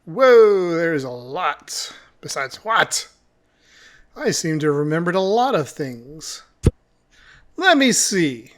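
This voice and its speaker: Dude playing a game, slow and chill, pitch jumps all over, jokes about the text. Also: male voice, animated. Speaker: let's play gamer. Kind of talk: casual gameplay commentary.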